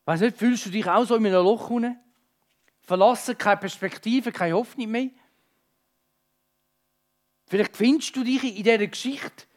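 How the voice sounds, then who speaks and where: A high-pitched man delivers a heartfelt sermon, addressing his listeners directly. His delivery is dynamic, swinging between urgent intensity and quiet, hushed passages. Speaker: preacher.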